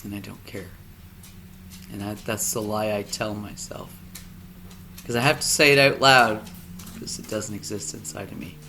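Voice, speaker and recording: Gravelly-voiced man in halting confession. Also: fairly low pitch, fairly even intonation, bright, forceful tone, a little hiss or hum. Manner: halting, emotional, drops into whispers. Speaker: vlogger. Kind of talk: personal spoken monologue.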